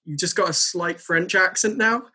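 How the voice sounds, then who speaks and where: A man's voice: high-pitched, normal speed, bright, forceful tone, husky. A man, a native English speaker, interviewing a guest in a casual, rambling podcast chat.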